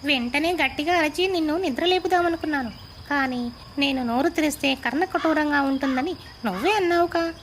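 A man voicing a humble, patient crow in a children's storybook, speaking calmly with a gently pointed edge. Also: extremely high pitch, a little fast, slight background noise, pitched above the performer's own voice. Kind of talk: storybook character voice.

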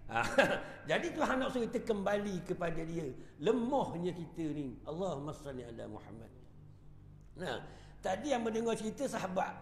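A man's voice: high-pitched, very animated, moderate pace. A man with a Terengganu Malay accent giving an evening lecture in a prayer hall, telling funny stories with chuckles and asking the crowd "right?". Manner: humorous storytelling with chuckles and call-outs. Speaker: preacher. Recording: echoey hall.

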